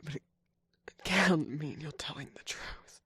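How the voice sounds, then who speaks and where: A woman voicing a scheming, manipulative male cookie trickster in an ASMR roleplay, with a breathy whisper and a sly, taunting manner. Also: low voice, a little slow, fairly bright tone, dry recording, exaggerated voice. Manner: taunting, sly, laughs often.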